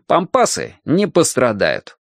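A man voicing an unhurried, dryly ironic male janitor who speaks deliberately. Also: medium pitch, huge pitch swings, gravelly, fairly bright tone, no echo, studio quality, exaggerated voice. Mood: calm.

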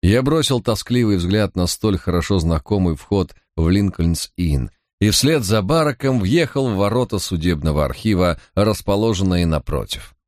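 A man reading an audiobook in a measured first-person narration. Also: deep voice, animated, darkish tone, dry recording, studio quality.

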